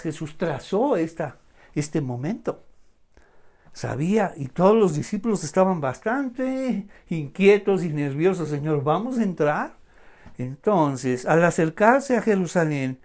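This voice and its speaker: A preacher delivering an online sermon, swinging between loud exclamations and near-whispers and asking the listener rhetorical questions. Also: medium pitch.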